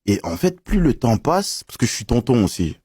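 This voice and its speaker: A young man chatting casually to his viewers, telling animated stories in street slang. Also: medium pitch, normal speed, husky. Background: music playing.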